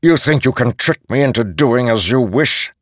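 An ancient, arrogant god-king, voiced by a male audiobook narrator. He speaks slowly and loftily, with cold contempt, and his voice sits higher than the narrator's own. The sound is dry and close. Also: animated, no room sound, natural voice. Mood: contemptuous. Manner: haughty, slow and commanding.

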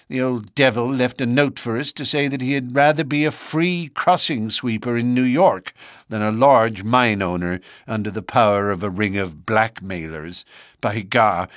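A man's voice: mid-range voice, fairly bright tone, no echo, clean studio sound, close to an everyday voice. A male narrator voicing a boastful, callous lodge treasurer in a storybook reading. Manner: brash, boastful.

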